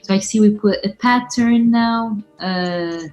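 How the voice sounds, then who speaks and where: Calling in over video from home, a woman hosting a livestream asks an illustrator questions in an upbeat, casual interview chat full of fillers. Her medium-pitched voice is a little slow with a darkish tone, and soft music plays in the background.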